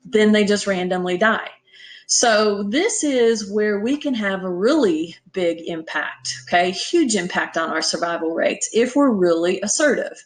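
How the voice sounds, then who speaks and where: Woman teaching emergency vet stuff, punchy, keeps asking okay? right?, mid pitch. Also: lively intonation, unhurried. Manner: emphatic, checks in with "okay?" and "right?". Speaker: veterinary emergency instructor. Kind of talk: conversational lecture.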